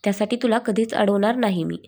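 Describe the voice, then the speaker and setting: A woman's voice: medium pitch, quick pace, mellow, close to an everyday voice. A woman voicing a confident, teasing young male police officer in a storybook reading. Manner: teasing, playful.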